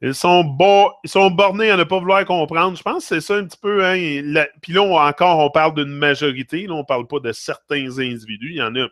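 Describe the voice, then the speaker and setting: Talking fast with few pauses, a man with a fairly high, fairly bright voice chats with his livestream viewers and reads their comments. A native French speaker with a Québécois accent, he jumps between English and French mid-thought and tags phrases with "là"; the audio is clean studio sound with no room sound.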